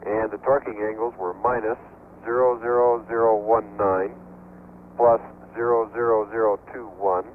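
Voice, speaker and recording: A man, an astronaut in orbit, reading checks and figures in clipped, halting bursts over a crackly space-to-ground radio link. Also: lowish voice. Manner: clipped checklist readouts with hesitations. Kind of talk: terse radio exchanges. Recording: narrow noisy archival radio transmission.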